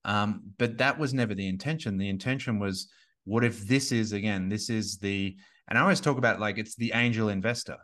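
A man's voice: fairly low pitch, a little fast, a bit bright. A man in his thirties, a podcast guest and business coach, talking casually and rambling with many restarts and fillers. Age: 30s.

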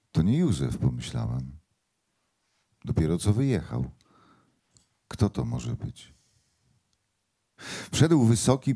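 Deep-voiced man reading slowly. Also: dark tone. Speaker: reader at a book launch. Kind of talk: literary reading.

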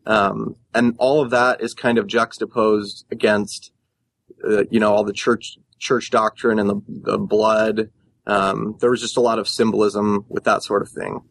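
A man in his thirties calling in over the phone to a podcast discussion, talking in a halting way with many fillers and restarts. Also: lowish voice, little pitch movement, gravelly, dry recording. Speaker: caller.

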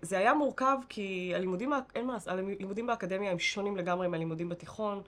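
A woman from Israel with an Israeli accent, a guest talking casually and reflectively, correcting herself as she goes. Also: medium pitch. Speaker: interview guest.

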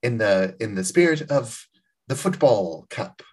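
A man co-hosting a podcast in casual chat, rambling and animated, often restarting his sentences. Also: medium pitch, measured pace, husky. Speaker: podcast co-host.

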